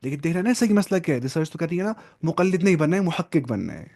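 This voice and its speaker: A man's voice: fairly high pitch, expressive, mellow. A man, giving an informal classroom lecture on religious law, conversational and repeating key terms. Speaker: religious studies teacher.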